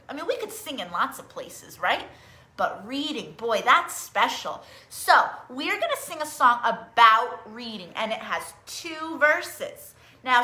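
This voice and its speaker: A librarian with a fairly high-pitched voice runs a live story time online, reading and teaching songs. She speaks directly to young children in an animated, sing-song way. The recording echoes as if in a large room.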